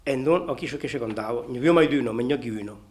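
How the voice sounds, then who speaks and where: A man who sings traditional songs, explaining a folk dance in halting, fragmented phrases. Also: mid-range voice, a little mellow. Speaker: traditional singer.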